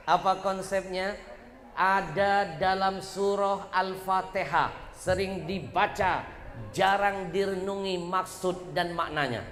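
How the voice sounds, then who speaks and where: A man preaching a sermon in a mosque, teasing and joking with the women in the audience as he talks to them directly. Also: high-pitched. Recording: echoey mosque hall with loud background noise.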